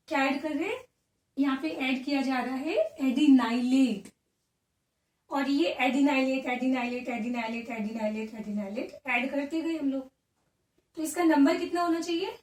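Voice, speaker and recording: A woman's voice: high-pitched, darkish tone. A woman teaching biology, who explains step by step and asks and answers her own questions. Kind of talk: classroom lecture. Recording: roomy echo, a bit far from the mic.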